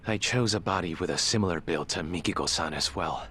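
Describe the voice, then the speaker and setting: Here the same guarded medical examiner from a video game drama is played by an actor in a low, pushed, bright voice carrying slight hiss or hum. Calm and formal, he chooses each word with care and speaks with measured diction, though he stumbles when pressed. Music sits underneath.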